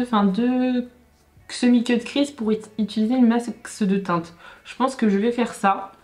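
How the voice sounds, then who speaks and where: A young woman chatting casually through a makeup tutorial, thinking aloud with many hesitations and self-corrections, often dropping into quiet asides. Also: medium pitch. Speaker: beauty vlogger. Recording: roomy echo with faint background music.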